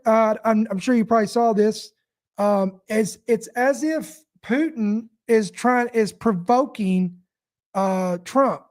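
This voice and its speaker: Halting host asking long questions. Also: medium pitch, darkish tone. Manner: halting, many fillers and restarts. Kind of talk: interview questions.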